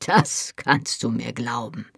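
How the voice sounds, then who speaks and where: Reader playing a rowdy, grinning Highlander calling out jokes, gravelly voice, dry close sound. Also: takes it slowly, fairly bright tone, no room sound, heavily acted. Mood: boisterous teasing. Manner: boisterous, bantering. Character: loud, lusty burly Highland man, teasing.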